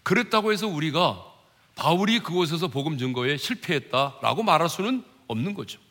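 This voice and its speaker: A male pastor preaching a sermon, dropping to hushed low asides and then rising loud and high as he acts out mockers and urges the congregation. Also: lively intonation, brisk, in a large hall.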